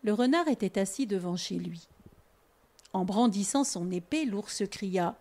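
A woman reading a children's picture book aloud as a library storyteller, with expressive, measured narration. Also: mid-range voice.

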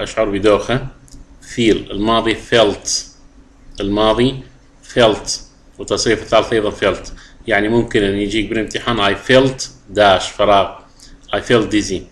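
Man, Iraqi Arabic accent, English teacher, slow careful phrase reading, fairly low voice. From Iraq. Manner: reads English phrases slowly and deliberately, then explains them. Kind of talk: classroom lesson explanation.

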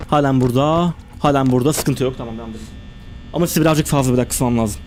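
A man's voice: medium pitch, rapid-fire. A young man live-streaming a horror game, reacting tensely and chatting with his viewers.

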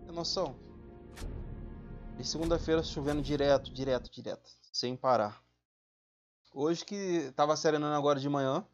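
Chatty gaming streamer. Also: male voice, on the high side, normal speed, long pauses, muffled recording. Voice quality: chatty, rambling, exclaims at the game. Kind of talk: casual let's-play commentary. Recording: loud game music behind voice.

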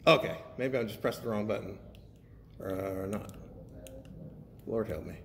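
A guest pastor preaches to a congregation in a large echoey hall, reading scripture and explaining it in a folksy, conversational way while often checking in with listeners. His voice is lowish and fairly bright at a moderate pace, with faint background noise.

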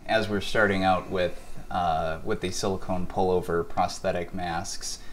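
A man's voice: sits low, flat delivery, unhurried, slight background noise. A man who owns a mask company, explaining his products in an interview with many fillers, recorded in a workshop showroom by a camera mic. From Wisconsin. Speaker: mask company owner and artist.

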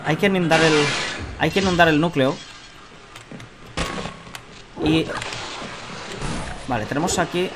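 With a slightly high voice, a somewhat slow pace, and long pauses, a let's play host in his thirties with an accent from Spain mutters casual, colloquial commentary to himself and viewers as he games. He's indoors at a computer on webcam, with background music and noisy game sound behind him.

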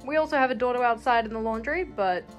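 A woman's voice: a little high, fast talker, soft background music. A young woman gives a casual, chatty tour of her house with wry asides, filmed on a phone at arm's length. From New Zealand. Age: young adult. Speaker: vlogger. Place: house, indoors, moving room to room. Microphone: phone held at arm's length.

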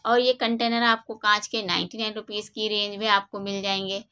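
A woman vlogger walking through a large store, narrating products and prices in a steady, repetitive way, recorded on a handheld phone. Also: mid-range voice, a little fast, clear, resonant tone. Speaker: shopping vlogger. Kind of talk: casual store walkthrough narration. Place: large indoor retail store.

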